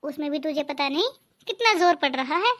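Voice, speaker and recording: A woman's voice: high-pitched, lively intonation, a little fast, fairly bright tone. A woman voicing a nagging, greedy mother-in-law in a cartoon family drama, talking sarcastically. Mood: scolding. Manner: scolding, sarcastic.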